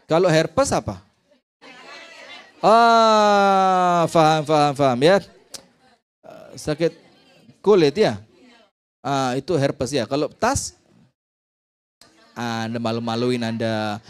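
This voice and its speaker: A man preaching a sermon to a women's study group, animated and joking, firing quick rhetorical questions at the audience. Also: on the high side, clean tone.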